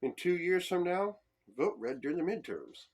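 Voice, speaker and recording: A man's voice: high voice, lively intonation, moderate pace. A man hosting a podcast, delivering a heated, profane political commentary monologue. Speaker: podcast host.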